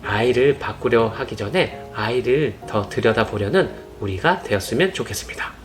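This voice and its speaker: Male narrator, mid pitch, earnest gentle advice read over faint music. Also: animated, normal speed. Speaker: parenting channel narrator. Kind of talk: scripted narration. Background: soft background music.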